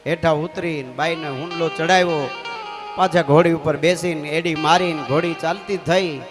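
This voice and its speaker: A man with a Kathiyawadi Gujarati accent spins a folk tale on a live stage, his voice pitched high and animated. He keeps turning to the audience as sir, while a guitar plays clearly behind him. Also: moderate pace. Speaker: folk storyteller. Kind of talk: live folk storytelling with sung verse.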